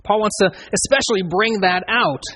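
A man's voice: high voice, normal speed, background noise. A man preaching an expository sermon, earnestly explaining and quoting scripture verse by verse. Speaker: pastor.

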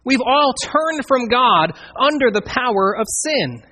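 A man's voice: very high-pitched, animated, slow pace, sharp tone, a little hiss or hum. A man preaching an expository sermon, earnestly explaining and quoting scripture verse by verse. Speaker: pastor.

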